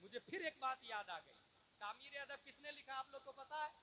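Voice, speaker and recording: A man preaching a sermon, shifting from quiet talk to shouted, impassioned peaks and quick Arabic recitation. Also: extremely high pitch, lively intonation, slight background noise, low-quality recording. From India. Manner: breaks into rapid Arabic recitation. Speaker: Islamic preacher.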